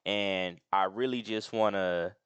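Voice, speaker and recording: A man's voice: on the low side, steady tone, slow pace, a bit bright, clean tone, dry recording, dull audio. A man casually talking through a screen-share about a game's community, rambling with fillers and restarts, with the hiccups. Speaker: gaming channel host.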